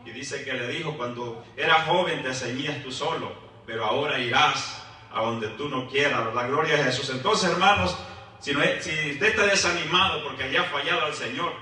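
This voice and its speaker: A man preaching a sermon, often adding "right?" and praise asides, with halting repeated words. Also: fairly high pitch, bright, forceful tone. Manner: frequent "¿verdad?" and "gloria a Jesús" asides. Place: church hall. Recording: echoey church, mic at a distance.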